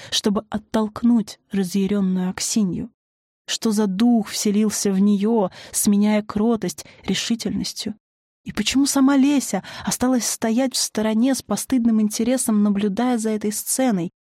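A woman narrating an audiobook in a measured, expressive way. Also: medium pitch, dry recording, clean studio sound.

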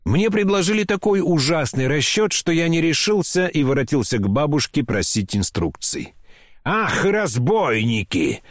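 A man's voice: a little high, expressive, normal speed, hardly any pauses, dry recording, studio quality. A man narrating a classic novel as an audiobook, telling the story with dramatic expression.

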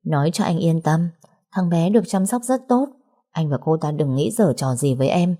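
A woman voicing a coy, scheming young woman in a story, speaking in a soft, cooing, sugary way. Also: sits low, lively intonation, moderate pace. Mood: sweetly menacing. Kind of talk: audiobook character reading.

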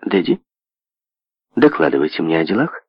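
A man reading an audiobook, raising his voice to play a willful, demanding young heiress who speaks with sharp emphasis. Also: rumbling low, big pitch swings, moderate pace, no room sound, pitched below the performer's own voice, exaggerated voice. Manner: demanding, emphatic, swinging to soft. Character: willful rich young woman, heiress, imperious. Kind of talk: audiobook character voice. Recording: dull lo-fi audio.

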